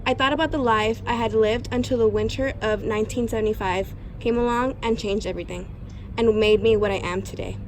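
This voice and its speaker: A woman reads memories of boyhood from a remorseful Afghan narrator in scripted readers' theatre, lightly acted and reflective. Her fairly high voice moves briskly with fairly even intonation, and the echoey room carries faint background noise.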